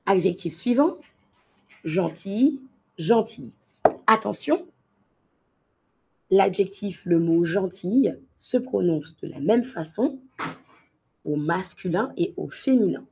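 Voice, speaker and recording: Slow, breathy woman teaching French. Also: mid-range voice, lively intonation, darkish tone. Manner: slow and deliberate, repeats each word and example for learners; greets viewers in the chat by name. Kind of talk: live online vocabulary lesson.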